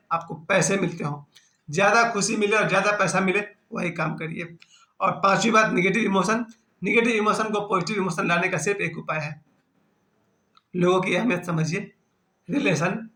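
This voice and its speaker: Bright-voiced Hindi vlogger man in his fifties. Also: high-pitched, echoey room. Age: 50s. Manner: earnest, self-mocking storytelling. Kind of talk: personal health talk.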